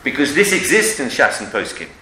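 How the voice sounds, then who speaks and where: A man's voice: mid-range voice, big pitch swings, a little fast, pushed and bright. A man giving an emphatic religious lecture with stories and rhetorical questions, sprinkling in Hebrew and Yiddish terms. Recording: echoey room with background noise.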